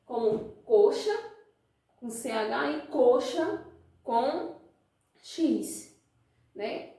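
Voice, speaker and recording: A Brazilian woman teaches a class at an unhurried pace, her fairly high voice checking in with the students again and again. She sounds some way off from the mic, and the room around her is very echoey. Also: darkish tone, far from the mic. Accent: Brazilian Portuguese. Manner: explains slowly, asks the class frequent check questions. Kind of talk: classroom lesson.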